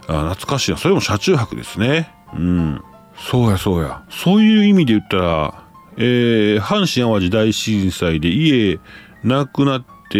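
A man's voice: deep voice, darkish tone. A man with a Kansai accent, hosting a casual live stream, reading listener messages aloud and exclaiming often as he reacts.

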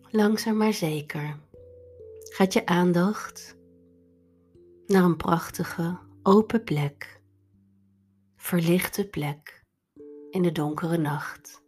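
A woman leading a guided meditation in a soft, breathy, soothing delivery over instrumental music. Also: on the low side, extremely slow, long pauses.

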